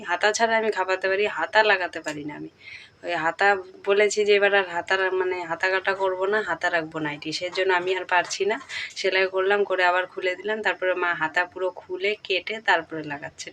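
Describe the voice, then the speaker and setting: Chatty young woman, flat soft delivery. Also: medium pitch. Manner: chatty, keeps checking in with viewers; speaks softly late at night. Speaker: daily-life vlogger. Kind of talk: casual home vlog voice-over.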